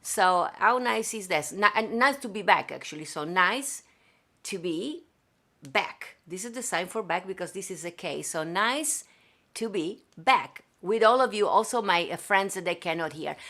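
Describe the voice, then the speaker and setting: Broadcasting from a home studio, a Venetian singer with an Italian accent runs a casual livestream and welcomes her viewers effusively. She speaks at a measured pace in an animated, medium-pitched, slightly bright voice.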